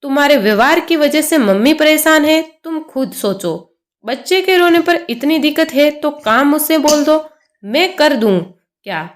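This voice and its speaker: A woman's voice: high-pitched, animated, moderate pace. A woman voicing an irritated young husband who speaks curtly and defensively. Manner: curt, defensive.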